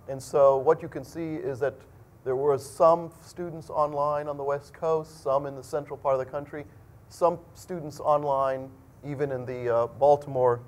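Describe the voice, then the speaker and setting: A middle-aged man with a medium-pitched, slightly mellow voice speaks as a school dean. Standing at a podium in an indoor lecture room, he gives students an explanatory, conversational presentation.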